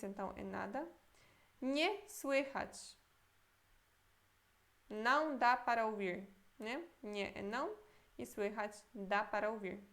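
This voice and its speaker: A woman with a Brazilian accent teaches a language lesson in a slightly high voice. She repeats each word slowly and keeps checking that the learner follows. Now and then she stops to think aloud and correct herself. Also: a bit bright. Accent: Brazilian Portuguese. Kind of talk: Portuguese-language Polish lesson.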